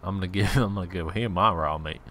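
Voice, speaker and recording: A man's voice: sits low, fast talker, sharp tone, a little hiss or hum. A man giving casual, rambling, joking commentary while playing a game, now and then slipping into a mock hillbilly drawl. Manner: rambling, joking self-talk. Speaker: let's play gamer.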